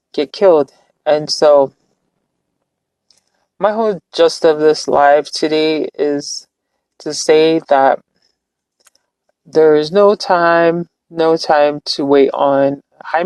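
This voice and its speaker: A live-streamer from California talks slowly and earnestly, reflecting aloud and rambling through restarts. The voice sits in a middle pitch. The sound is dry and close, with no room echo. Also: vocal fry, a little mellow. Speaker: livestreamer. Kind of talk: casual live-stream talk.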